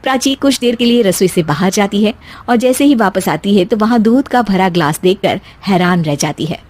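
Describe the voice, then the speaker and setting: A woman reading scripted narration for an animated family story. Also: medium pitch, normal speed.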